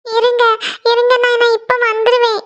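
A woman's voice: extremely high pitch, completely flat delivery, moderate pace. A woman voicing a pleading sleepwalking cartoon girl. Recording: dull lo-fi sound.

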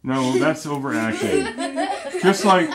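A man's voice: mid-range voice, expressive, unhurried, a crowd in the background. A middle-aged father casually coaching his children through scenes of a home short film, giving amused, patient direction.

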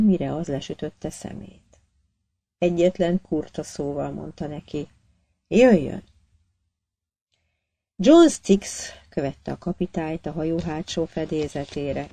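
A woman narrating an audiobook in a measured, even storytelling manner. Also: sits low, vocal fry, no echo. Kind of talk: scripted narration.

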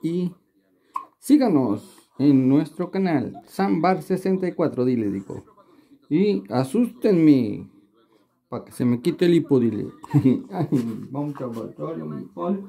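Slow, gravelly Mexican mother coaxing a baby. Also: deep voice, expressive, dark tone. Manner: coaxing, baby talk to a child. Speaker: vlogger parent. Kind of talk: casual family vlog.

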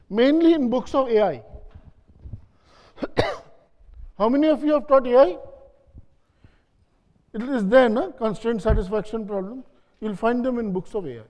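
Man, lecturer, very high voice, repeats phrases and asks the class questions, long reverb of a lecture hall. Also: a little mellow. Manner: repeats key phrases, quizzes the audience.

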